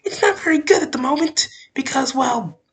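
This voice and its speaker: A young man putting on a tiny, hyper mushroom creature with a shrill, squeaky yell, like a cartoon character. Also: lively intonation, normal speed, creaky, heavily acted. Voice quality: high squeaky yelling.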